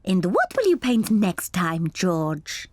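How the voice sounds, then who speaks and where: A gentle gazelle teacher. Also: female voice, on the low side, wildly swooping pitch, slow pace, no room sound, full character voice. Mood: encouraging. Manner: gentle and encouraging, sing-song. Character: kindly adult female gazelle playgroup teacher. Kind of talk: children's cartoon voice acting. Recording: studio voice with background music.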